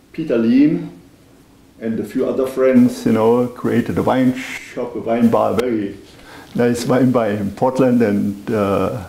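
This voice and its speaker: A man's voice: mid-range voice, creaky, warm tone. A man in his seventies from Germany with a strong German accent, reminiscing in a rambling, conversational interview and often saying "you know". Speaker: interviewee, wine merchant. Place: indoors, small wine bar. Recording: echoey room with faint background noise.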